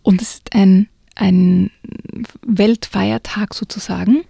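A woman with a gravelly, husky and warm voice reads a children's storybook aloud and then talks about it. Her delivery is soft and at times whispery. The sound is dry and close, as in a radio studio. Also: mid-range voice, steady tone, slow, dry recording. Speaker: book reviewer. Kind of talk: reading a children's book aloud and discussing it.

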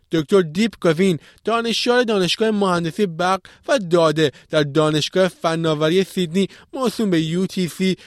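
Male news presenter for a podcast, scripted read, fairly high pitch, close dry studio sound. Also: dry recording.

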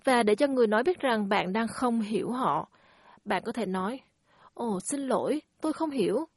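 A woman's voice: fairly high pitch, lively intonation, moderate pace, husky. A woman hosting a language lesson, speaking in a friendly, encouraging teacher tone. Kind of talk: scripted lesson narration.

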